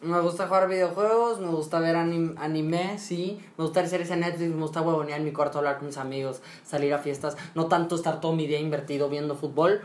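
A man's voice: fairly high pitch, steady tone, quick pace, hardly any pauses. Slangy teen guy from Monterrey. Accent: northern Mexican (Monterrey). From Monterrey, Mexico. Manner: slangy, joking storyteller. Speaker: podcast co-host. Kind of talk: casual chat. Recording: echoey room, faint background noise.

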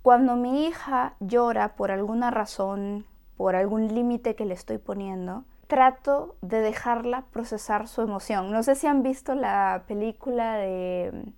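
A woman hosting a motivational podcast, speaking in an expressive, encouraging way to her listeners. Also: a little high, a little slow. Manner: expressive and encouraging, acts out voices of adults soothing children. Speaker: podcast host.

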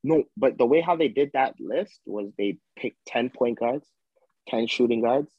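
Young man, husky voice, dry sound, slangy, emphatic, casual sports debate. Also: medium pitch, a little slow, dry recording, dull audio. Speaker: sports podcast panelist.

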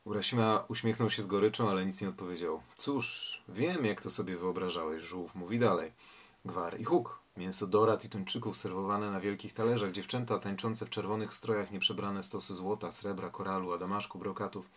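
A man's voice: fairly low pitch, fairly even intonation, brisk. A man reading a tale aloud and commenting on it reflectively, asking rhetorical questions. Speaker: reader and literary commentator.

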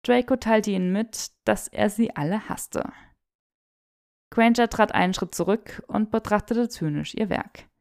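Gravelly woman reading a story. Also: mid-range voice, unhurried, dry recording, studio quality. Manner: steady storytelling. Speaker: audiobook reader. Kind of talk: fan fiction audiobook narration.

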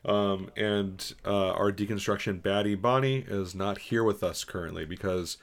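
A man's voice: lowish voice, steady tone, normal speed. A man hosting a podcast, chatting in a loose, rambling way with casual swearing. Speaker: podcast host.

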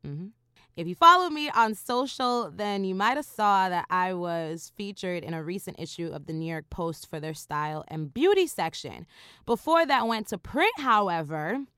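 A woman's voice: medium pitch, lively intonation, normal speed, pushed and bright, clean tone, no room sound, clean studio sound, soft background music. A woman in her thirties hosting a solo podcast, talking casually with slang, laughter and swearing. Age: 30s. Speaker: podcast host.

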